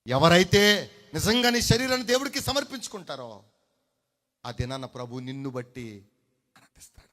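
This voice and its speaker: High, lively-voiced preacher, dramatic swings. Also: male voice. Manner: dramatic swings between hushed and loud, drawn-out emphatic words; mixes in English phrases, addresses the congregation directly. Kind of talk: sermon.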